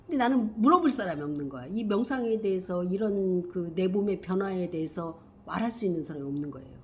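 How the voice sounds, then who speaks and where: Expressive middle-aged woman telling a story. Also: fairly low pitch, fast, slight background noise. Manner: emphatic, rambling, swings between hushed and loud. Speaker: spiritual vlogger. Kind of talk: personal storytelling.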